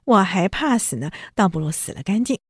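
A woman's voice: medium pitch, very animated, brisk, breathy edge, no room sound, clean studio sound. Woman voicing a coaxing, pleading young man. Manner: placating, earnest.

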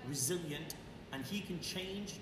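A man co-hosting a motivational podcast, conversational, posing rhetorical questions and repeating his phrasing. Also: unhurried. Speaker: podcast co-host. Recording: echoey, distant mic with background rumble.

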